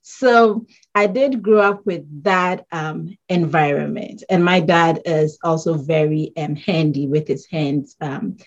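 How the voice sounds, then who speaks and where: A woman from Ghana, answering interview questions in a measured, thoughtful way and pausing with ums. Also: low voice, muffled recording. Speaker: guest artist.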